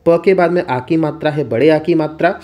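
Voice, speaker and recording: A man's voice: fairly high pitch, a little fast, mellow. A man teaching an exam-prep Hindi lesson, posing questions for students and answering them himself. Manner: asks and answers his own questions.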